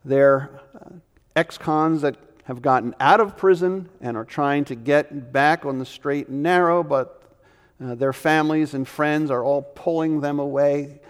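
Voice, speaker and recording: A man preaching a sermon as pastor, emphatic, swinging between loud urgent lines and hushed ones. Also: on the high side, unhurried, clear, resonant tone, long reverb tail.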